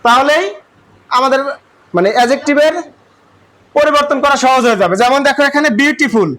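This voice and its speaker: A man's voice: very high-pitched, a little fast, sharp tone. A man with a Bangladeshi accent teaching English grammar to a class, asking questions and repeating the answers.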